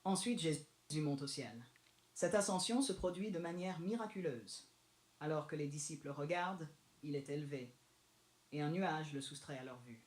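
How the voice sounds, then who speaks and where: A text-to-speech male AI assistant voice played from a device, reading formal explanations in an even manner. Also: on the high side, moderate pace, echoey room. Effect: synthetic AI assistant voice played from a device. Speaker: AI chatbot answering questions.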